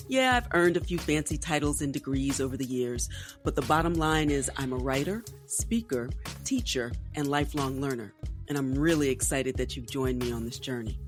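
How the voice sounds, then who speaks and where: A woman hosting a podcast, reading an upbeat scripted intro and then chatting with her guest. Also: low voice. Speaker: podcast host.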